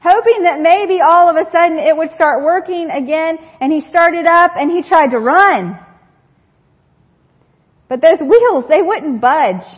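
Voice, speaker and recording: Woman preacher, 30s, high voice, earnest storyteller; muffled, dull recording. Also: expressive, unhurried. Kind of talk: sermon. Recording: dull recording with long hall reverb.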